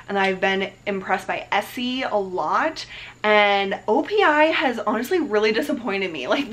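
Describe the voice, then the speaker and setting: A woman's voice: mid-range voice, a bit bright. Chatty young woman beauty vlogger. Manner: chatty, bubbly, many fillers and laughs. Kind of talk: casual chat to camera. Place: bedroom indoors, later outdoors on a porch.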